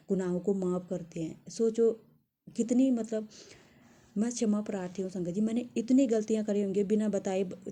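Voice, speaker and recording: Earnest woman rambling thru a devotional story, dark mellow voice, lots of restarts. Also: medium pitch, a little hiss or hum. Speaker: devotee sharing a testimony. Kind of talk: spontaneous devotional testimony.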